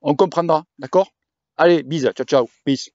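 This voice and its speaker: A man rants to his cycling viewers in a crude, slangy, rambling way. His voice sits a little high. The recording is dry and slightly dull. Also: moderate pace, a little mellow, no room sound. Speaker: cycling vlogger. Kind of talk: casual rant to viewers.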